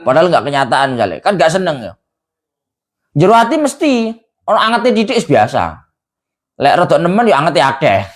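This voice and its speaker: A man with an East Javanese accent giving a casual sermon, teaching with rhetorical questions and jokes, chanting Arabic quotations slowly before explaining them. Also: a little high. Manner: folksy, addresses listeners directly with rhetorical questions and jokes. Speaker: preacher teaching a religious study circle.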